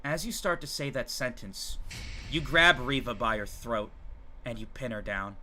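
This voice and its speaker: A man narrating as game master of a tabletop game in a dramatic, hushed way. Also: mid-range voice, moderate pace, a little hiss or hum.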